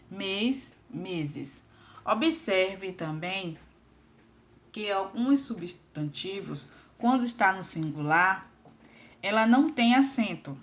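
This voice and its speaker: Patient woman teaching grammar. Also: medium pitch. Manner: patient, checks in often with the class. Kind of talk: online grammar lesson.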